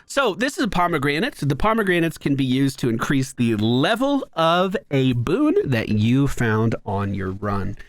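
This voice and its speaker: Streaming a video game, a man gives casual play-by-play commentary on his own moves, with asides to viewers. His medium-pitched voice is sing-song, at a normal speed with few pauses.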